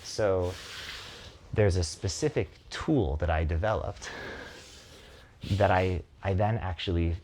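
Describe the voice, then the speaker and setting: Give me a man with a very low voice, recorded up close on a microphone. He talks in a relaxed, reflective way, with lots of "like" and "um." He pauses to think as he goes. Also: slight background noise. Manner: thoughtful, reflective, with frequent "like" and "um". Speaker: relating practice facilitator. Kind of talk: casual conversation. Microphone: close mic.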